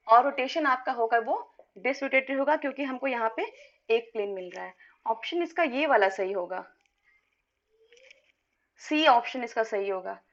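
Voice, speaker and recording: एक महिला रसायन शिक्षिका ऑनलाइन कक्षा में क़दम-दर-क़दम समझाती है, गिनती ज़ोर से बोलती है और छात्रों के सवालों का जवाब देती है, हल्का हिंदी लहजा है।. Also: female voice, on the high side, vocal fry, sharp tone. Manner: explains step by step, counts aloud, answers students. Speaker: chemistry teacher. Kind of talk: live online class. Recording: dull lo-fi online lesson audio.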